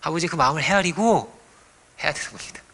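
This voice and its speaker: Male pastor, sermon, gravelly, very bright tone, whispers and exclaims, rhetorical questions. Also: a little high, fast talker. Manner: dramatic swings between hushed whispers and raised exclamations; asks the congregation rhetorical questions.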